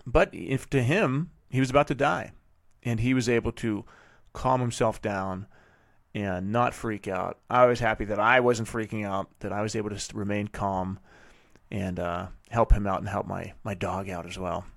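A man hosting a podcast, telling a family story in a vivid, animated way with frequent restarts. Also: lowish voice, moderate pace, vocal fry, no room sound, clean studio sound. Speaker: podcast host and father. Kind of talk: casual storytelling monologue.

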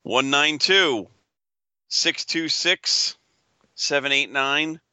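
A man calling out ticket numbers like a raffle caller, slowly and deliberately, in short groups of digits. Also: fairly high pitch, sharp tone, clear, resonant tone, dry recording. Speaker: podcast co-host.

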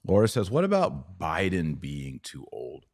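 This podcast host has an exceptionally deep, darkish voice with huge pitch swings, speaking a little slowly as he reads viewers' comments on a casual live show and replies with his own remarks. His talk is conversational. The sound is dry, with no echo and little room around the voice.

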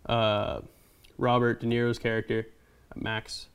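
A young man with a smooth, clear voice chats loosely about a film, wandering between points and cracking jokes. He slips into little acted-out quotes as he goes, casual and unscripted. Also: medium pitch, flat delivery, slow. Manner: rambling, joking, acts out quotes. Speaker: podcast co-host. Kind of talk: casual movie chat.

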